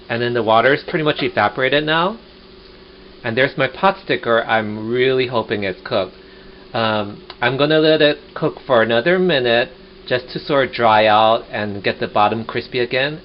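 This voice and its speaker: A man casually walking through a cooking demonstration step by step, chatty and relaxed, in his home kitchen. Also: medium pitch, moderate pace. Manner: chatty and relaxed, narrating each step as he goes. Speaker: home cook vlogger. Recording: dull lo-fi home video with faint noise.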